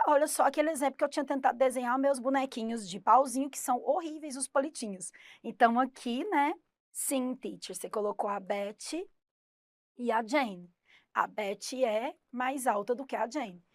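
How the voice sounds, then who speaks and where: A woman's voice: high voice, no echo, clean studio sound. A Brazilian woman teaching an English grammar lesson, explaining step by step and voicing her students' questions herself.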